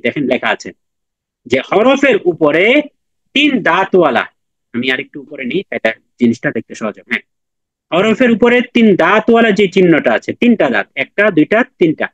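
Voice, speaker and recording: A man's voice: high-pitched, no room sound, dull audio. A man teaching Quran recitation in an online class, patiently repeating and drilling letter sounds with his students.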